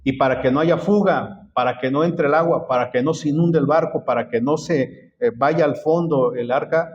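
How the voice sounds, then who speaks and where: Male pastor, slightly high-pitched, quizzing his flock in a sermon over a dull, lo-fi recording. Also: normal speed, a little hiss or hum. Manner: quizzes the congregation with repeated questions.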